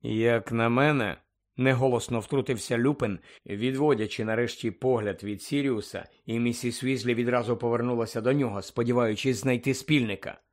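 A man narrating an audiobook in an even, steady reading voice. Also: mid-range voice, fairly quick, hardly any pauses. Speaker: audiobook reader.

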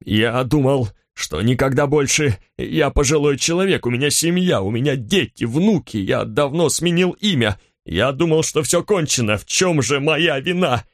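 A man's voice: mid-range voice, sing-song, unhurried, fairly bright tone, dry recording, studio quality. A man voicing a large, elderly baker who hesitates and stammers, afraid of his past, in a storybook reading. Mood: pleading. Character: huge, nervous, older male baker hiding his past.

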